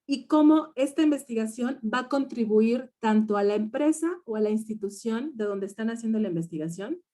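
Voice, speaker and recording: A woman's voice: fairly high pitch, expressive, moderate pace, mellow. A woman with a Mexican Spanish accent teaching a research seminar, explaining step by step and checking in often with her students. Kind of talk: lecture to students.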